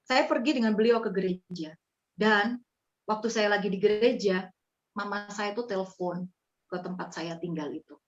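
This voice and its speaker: On slightly muffled audio, a woman from East Java, Indonesia, gives a heartfelt personal testimony to a host she calls "Pak." She speaks earnestly, with a medium-pitched voice at a moderate pace.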